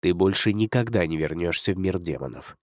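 A man's voice: mid-range voice, expressive, normal speed, a little mellow, dry recording, clean studio sound, natural voice. A man reading an audiobook, voicing a proud male dragon lord who speaks coldly and curtly. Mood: stern. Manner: cold, curt, commanding.

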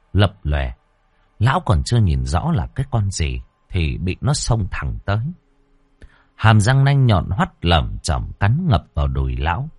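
A male storyteller narrating a horror story with expressive, dramatic pacing. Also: low-pitched, slightly rough, no room sound.

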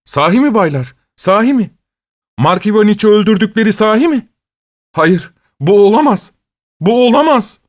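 A man voicing a stout, excitable investigator of about sixty who talks in a high, agitated rush. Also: a little slow, dry recording, studio quality. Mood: shocked.

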